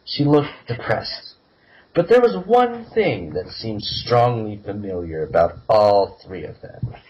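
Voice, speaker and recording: Man narrating a fanfic with lively pitch. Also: slow pace. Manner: giggly, breaks up laughing. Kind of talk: amateur fan reading. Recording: muffled lo-fi with faint hiss.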